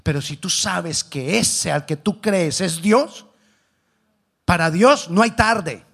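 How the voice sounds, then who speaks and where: A man preaching a sermon, swinging between loud exhortation and hushed asides, acting out the voices of biblical characters. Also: high-pitched, expressive, slow pace, creaky, breathy edge.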